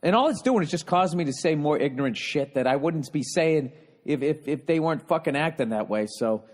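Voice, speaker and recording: A man's voice: on the high side, expressive, fairly quick, darkish tone. Rambling, profane man with reverb. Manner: rambling, profane, trailing off and restarting. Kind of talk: casual rambling monologue.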